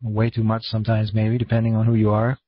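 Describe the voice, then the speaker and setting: Husky man with a Maine accent. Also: lowish voice, monotone, fast, no echo. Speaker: conference call host. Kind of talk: casual, rambling online presentation. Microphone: online conference room call. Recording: dull, muffled lo-fi audio.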